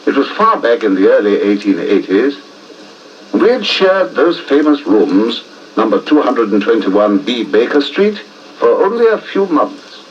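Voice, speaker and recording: An actor playing a genial, curious gentleman doctor with an English accent in a 1950s radio drama. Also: medium pitch, very animated, a little slow, far from the mic. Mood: reminiscing. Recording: muffled, hissy 1950s radio recording.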